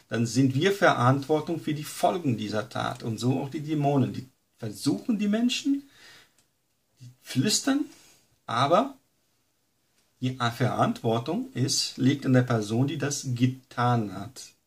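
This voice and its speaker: Male Bible teacher, mid pitch, chatty teaching style. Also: gravelly. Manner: conversational, frequent tag questions. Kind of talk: informal teaching lesson.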